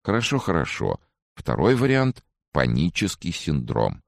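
Man playing a tired doctor, dry, matter-of-fact, mildly mocking, very deep, close dry sound. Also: very animated, normal speed, creaky, darkish tone, dry recording, full character voice. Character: weary male doctor, dry and skeptical. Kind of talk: audiobook character voice.

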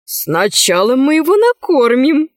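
A woman voicing an eager, emotional young woman in a storybook, exclamatory and lively in delivery. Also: high-pitched, a little slow, no room sound, studio quality.

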